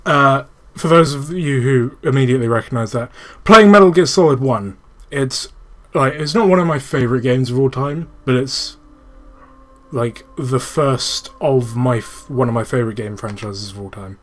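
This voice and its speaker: Playing a video game and explaining it, this male host swears freely and talks with enthusiasm in a casual commentary. His mid-range voice is a bit bright at normal speed, recorded in a clearly noisy room.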